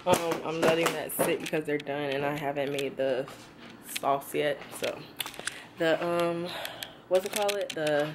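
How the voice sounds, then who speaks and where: In a cramped home kitchen, a woman in her twenties rambles through her cooking with plenty of ums, her deep voice steady and a little slow. She's a vlogger filming on a handheld camera that stays close and keeps moving, and frying sizzles loudly in the background.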